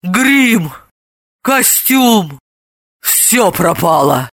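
A woman voicing a fussy woman in a Father Frost costume who wails in drawn-out shouts. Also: medium pitch, sing-song, slightly rough, dry recording, studio quality, exaggerated voice. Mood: wailing.

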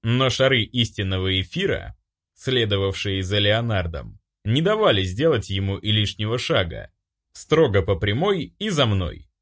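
A man giving a wry, brisk first-person narration of a fantasy audiobook. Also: fairly low pitch, very animated, a bit bright.

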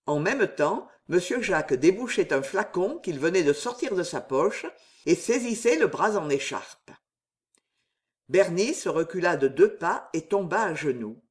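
A man reading a classic novel aloud as an audiobook narrator, in a measured storytelling manner. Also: high voice, lively intonation. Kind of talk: scripted narration.

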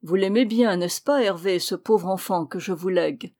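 A woman reading the lines of a stern old male nobleman in an audiobook, slow and solemn. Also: mid-range voice, darkish tone, close to an everyday voice.

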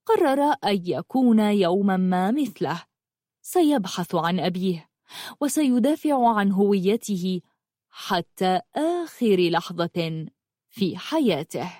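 A woman narrating a story in a calm, measured way. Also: mid-range voice, dry recording, clean studio sound.

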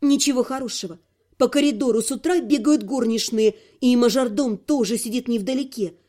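A man's voice: very high-pitched, a little fast, warm tone, voice pushed up. A man reading an audiobook voices a cautious, frank young male servant who speaks in a guarded, matter-of-fact way. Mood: wary.

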